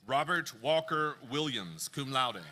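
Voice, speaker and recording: A man announcing graduates' names and honors at an outdoor ceremony in a measured, steady way. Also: mid-range voice. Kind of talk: reading names aloud.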